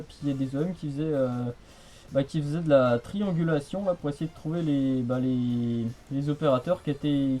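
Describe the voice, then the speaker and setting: An amateur radio hobbyist chats casually on air in a warm, mid-range voice. His talk rambles, hesitates, and repeats itself.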